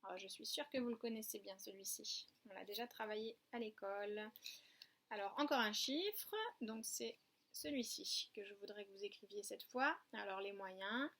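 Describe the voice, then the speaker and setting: A woman kindergarten teacher giving a home video lesson to young children, with slow, patient instructions, counting aloud and repeating words. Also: medium pitch, fairly bright tone.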